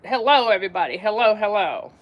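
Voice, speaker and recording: A woman hosts a casual livestream, talking animatedly to her viewers, repeating phrases and laughing often. Her mid-range voice is expressive and carries, and she talks fast. The highs in the audio are cut off.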